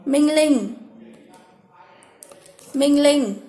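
A woman's voice: sits high, very slow, mellow. A woman, hosting a casual livestream from home, chatty, calling names over and over with frequent exclamations. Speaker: livestream host drawing giveaway winners.

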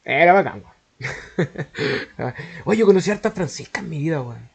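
A man's voice: a little high, animated, moderate pace, vocal fry, husky. A man with a Chilean accent telling a story in a casual, slangy, profane way that rambles along. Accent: Chilean Spanish. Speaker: YouTuber.

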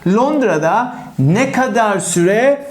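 A man's voice: high-pitched, animated, takes it slowly, reverberant. A man teaching an English lesson, drilling pronunciation with repeated examples and encouraging his students. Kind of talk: language lesson.

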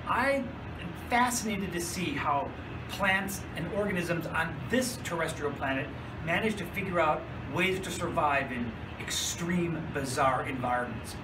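A man's voice: fairly high pitch, measured pace. A man over sixty explaining something to camera as a scientist. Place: among plants in a greenhouse. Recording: distant, echoey, noisy.

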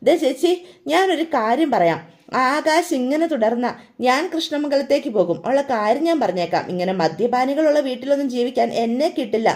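A woman's voice: high voice, lively intonation, a little fast, a little mellow. A woman voicing a blunt young woman who threatens to leave the house. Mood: insistent.

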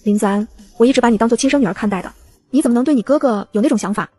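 A woman's voice: on the high side, rapid-fire, dark tone, husky. A woman voicing a stern middle-aged mother who scolds her adopted daughter in an audiobook. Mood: scolding.

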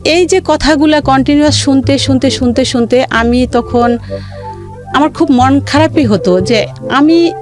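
A woman from rural Bangladesh tells her life story in a radio interview, speaking with a Bangladeshi accent over music. Her voice sits high and moves at a measured pace, and she repeats phrases emphatically for stress.

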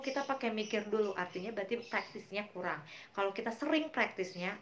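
An Indonesian-accented woman teaching an online English class, patiently repeating example words. Her voice sits at a middle pitch, with a faint hiss of noise behind her. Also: fairly bright tone.

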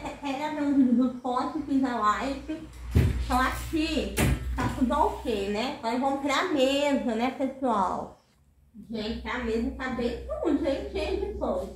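A woman's voice: high voice, a little hiss or hum. A woman in her thirties with a Brazilian accent, chatting to viewers while she cleans her kitchen. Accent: Brazilian Portuguese. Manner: chatty, addresses viewers often, tired. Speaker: home cleaning vlogger. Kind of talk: casual chat while cleaning. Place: home kitchen, indoors. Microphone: camera across the room. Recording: echoey kitchen, camera far off.

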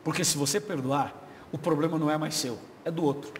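A brisk, fairly high-pitched male voice with a Brazilian Portuguese accent belongs to a pastor answering viewers' questions during a live video chat. His manner is warm, chatty and explanatory, with easy laughter, and the reverberant studio has faint ambient noise.

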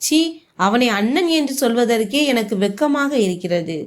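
Devoted, outspoken young wife, read by a woman narrator, fairly high voice. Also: animated, normal speed, natural voice. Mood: indignant.

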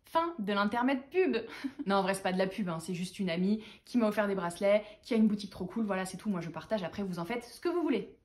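A woman's voice: medium pitch, lively intonation, fast. A woman chatting enthusiastically as a book vlogger, talking through her monthly reads and haul. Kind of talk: casual book haul chat.

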